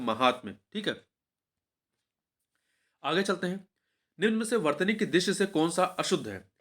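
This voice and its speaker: A man with a fairly high voice teaches in a steady exam-prep walkthrough. He goes through each answer, says it twice, and keeps putting questions back to the listener. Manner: repeats each answer, quizzing the viewer.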